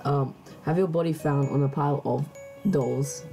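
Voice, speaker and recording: A woman's voice: sits low, fairly even intonation, normal speed, dark tone, soft background music. A woman vlogger musing aloud in casual chat, hesitant, with many restarts.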